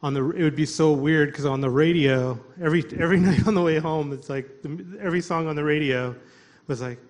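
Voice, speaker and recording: A man telling a personal story to coworkers at a live storytelling event, halting and restarting often, laughing through his words. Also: a little high, a little mellow.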